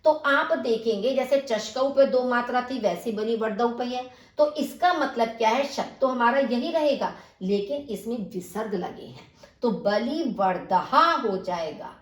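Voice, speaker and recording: A woman's voice: a little high, a little slow. A woman teacher working through a textbook exercise, spelling words out sound by sound and explaining each step. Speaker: Sanskrit teacher. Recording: echoey room.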